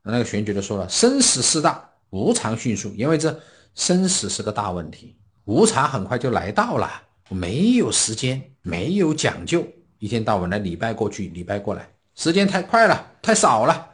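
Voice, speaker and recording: A man's voice: lowish voice, moderate pace. A man giving a Buddhist dharma talk, explaining scripture and telling stories, often acting out the people he quotes. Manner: storytelling, acting out quoted speakers with lively swings. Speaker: Buddhist teacher.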